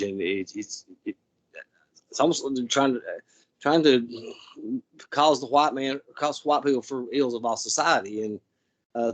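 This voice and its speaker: A man chatting casually as an interviewer, giving opinions in a halting, stammering way with repeated words. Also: medium pitch, dry recording.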